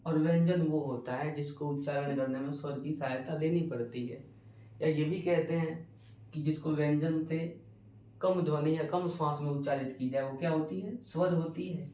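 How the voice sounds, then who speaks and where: A man teaches an exam-prep grammar lesson, posing a question and then answering it himself, drawing out the key words slowly. His voice is mellow and dark, heard from a distance in an echoey room. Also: fairly high pitch, steady tone.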